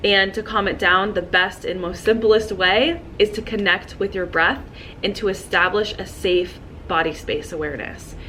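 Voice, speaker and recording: A woman's voice: mid-range voice, steady tone, normal speed, sharp tone, a little hiss or hum. A young woman teacher talking casually and chattily about her classroom lessons and materials. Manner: chatty, upbeat, with likes and you-knows. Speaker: teacher and podcast host. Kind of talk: casual tutorial talk.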